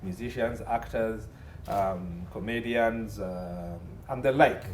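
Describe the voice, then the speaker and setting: A Ugandan man, interviewed as an entertainment and media law consultant, explains his points emphatically and sets them out as lists. His voice is on the low side, slightly mellow and slow, recorded with roomy echo and faint background noise.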